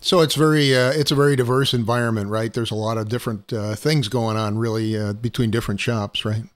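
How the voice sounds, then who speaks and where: A man's voice: mid-range voice, fairly even intonation, a little fast. A man hosting a podcast interview, prompting his guest with questions and frequent tag questions. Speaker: podcast host.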